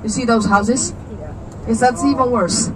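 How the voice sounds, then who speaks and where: With a higher-pitched voice and a measured pace, a Chinese-accented woman in her thirties from China guides visitors around a city on foot. Her style is chatty and explanatory, full of questions to the group and jokes, and traffic from the street can be heard.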